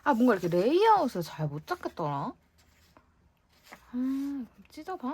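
A woman's voice: high-pitched, huge pitch swings, normal speed, darkish tone, slightly rough. A young woman chatting casually while decorating a diary, musing aloud and sometimes whispering to herself. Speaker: vlogger.

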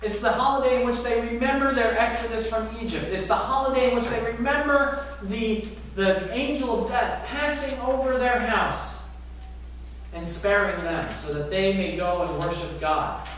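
High-voiced man preaching in echoing sanctuary. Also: normal speed, a little hiss or hum. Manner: animated preaching with rhetorical questions and arm gestures. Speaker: pastor. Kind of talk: sermon. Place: large church sanctuary, indoors. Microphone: far camera at back of church. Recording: very echoey sanctuary from far off.

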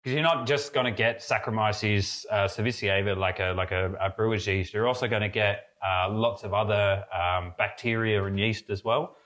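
In a casual tasting chat, a mead brewer who co-hosts a podcast muses in a low voice, speaking at a moderate pace with few pauses. He rambles easily with many fillers and restarts. They are indoors in a brewery room lined with steel tanks.

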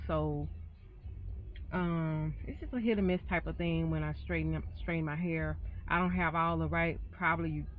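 A middle-aged woman vlogs from a parked car, holding a tablet camera close as she chats in a rambling, folksy way and says "y'all" often. Her voice is lowish, and the low-quality recording carries a little hiss or hum.

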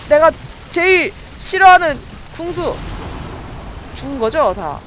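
A woman streamer giving let's play commentary, excitable and talking to her viewers as she plays. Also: medium pitch, gravelly, background noise. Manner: excitable, talks to viewers while playing. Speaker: game streamer.

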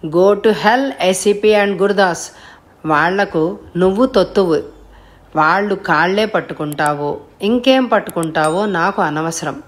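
A woman's voice: on the low side, close to an everyday voice. Woman reading as a cool, mocking male blackmailer. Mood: threatening. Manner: calm, unhurried and mocking. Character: cool, taunting young male blackmailer on the phone. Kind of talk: audiobook character voice.

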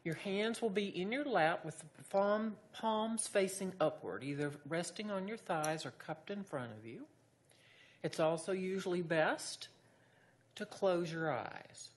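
A woman leading a guided meditation as a teacher, giving instructions in measured phrases with pauses between them. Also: on the low side, expressive.

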